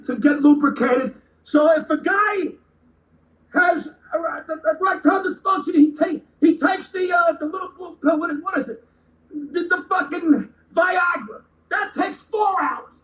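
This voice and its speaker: A man delivering an angry comedic rant, often shouting, stumbling over repeated words and swearing. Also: very high-pitched, recorded from a distance, a little hiss or hum. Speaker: ranting guest segment speaker. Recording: echoey room, away from the mic.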